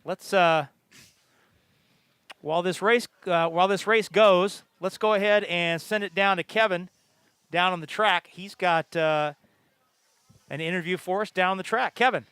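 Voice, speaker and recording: Male track announcer, smooth tone, dry sound, informative live commentary with pauses. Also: sits high, fairly bright tone, dry recording.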